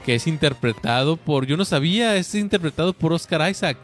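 A man's voice: fairly high pitch, lively intonation, brisk, soft background music. A man hosting a casual podcast, steering the talk and prodding the others to speak. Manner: moderating, friendly prodding. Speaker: podcast host. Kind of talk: casual chat.

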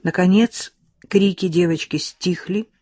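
A woman reading a first-person audiobook in an even, measured storytelling manner. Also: fairly low pitch, dry recording, clean studio sound. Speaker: audiobook narrator.

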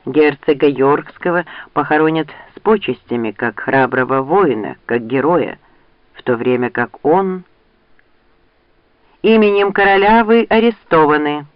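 A man reads a novel aloud in a steady storytelling manner. His voice sits a touch high, and the recording is close, dry and slightly dull. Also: dry recording. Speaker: audiobook narrator. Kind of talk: scripted narration.

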